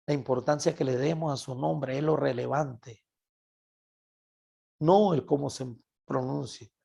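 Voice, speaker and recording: A Venezuelan man with a Venezuelan Spanish accent preaches a Bible study sermon with animation, repeating words for emphasis. His voice sits on the high side and is gravelly with a breathy edge.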